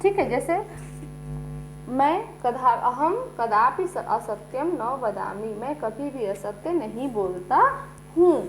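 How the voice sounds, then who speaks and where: A woman's voice: a little high, lively intonation, slow pace, rough recording. A woman teacher explains a lesson step by step, often saying "ठीक है" as she goes. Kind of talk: slow classroom explanation. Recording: faint mains hum.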